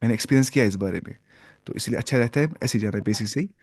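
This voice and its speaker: A man's voice: mid-range voice, darkish tone, breathy edge, no echo, studio quality. Man teaching Arabic vocabulary in class. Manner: asks questions and repeats words slowly for students. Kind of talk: classroom lesson.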